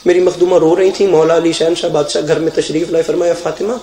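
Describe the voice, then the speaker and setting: A man's voice: fairly high pitch, flat delivery, dark tone. A man with a Pakistani Urdu accent, preaching a fervent, declamatory majlis sermon from a pulpit microphone at a live gathering, his voice rising into emotional outcries. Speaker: zakir preaching at a mourning gathering. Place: live religious gathering in a hall. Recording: echoey hall over a PA system.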